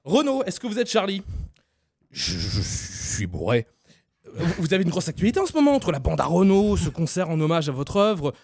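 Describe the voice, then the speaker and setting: A man hosting a comic radio column, briskly interviewing the guests he impersonates, in a radio studio. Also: high-pitched, expressive, vocal fry, a little mellow, no echo.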